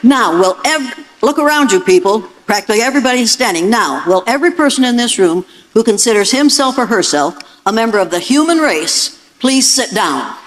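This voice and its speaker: A woman's voice: on the high side, lively intonation, fairly quick, few pauses, low-quality recording. An older American woman delivers a lecture to an audience in a blunt, emphatic way. She gives orders like a seasoned educator and expects to be followed. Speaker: educator and public speaker.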